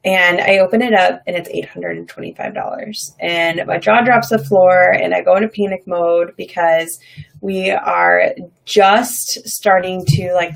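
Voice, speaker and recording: A woman casually telling a personal faith story, animated and full of "like" and "um". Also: fairly low pitch, gravelly. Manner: animated, dramatizes her own past reactions; many fillers like "like" and "um". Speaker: vlogger sharing faith stories.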